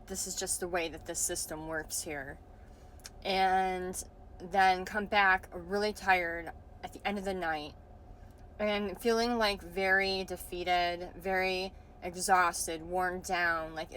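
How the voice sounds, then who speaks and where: A woman's voice: fairly low pitch, a bit bright, a little hiss or hum. A woman casually recounting a dream in a hesitant way, searching for words and often saying "like". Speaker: vlogger.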